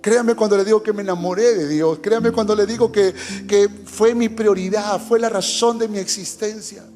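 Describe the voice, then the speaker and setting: High-voiced man preaching fervently. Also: fairly even intonation, normal speed, a little mellow. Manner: fervent, urging, testimonial preaching. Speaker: pastor. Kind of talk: sermon. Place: church hall. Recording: long hall reverb with faint music.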